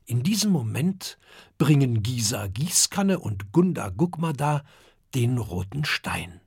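A middle-aged man narrating a children's audiobook in a calm, expressive storytelling manner. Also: medium pitch, takes it slowly, husky, no room sound.

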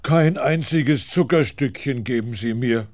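An actor playing a gentle, childlike talking elephant in a children's audio drama, speaking in a naive, plaintive way. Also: male voice, mid-range voice, unhurried, dry recording, clean studio sound, close to an everyday voice. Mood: sorry for himself.

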